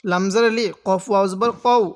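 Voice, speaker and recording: A man teaching Quran reading, spelling out syllables and drawing them out slowly when reciting, with patient step-by-step explanations. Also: high-pitched, steady tone, long reverb tail.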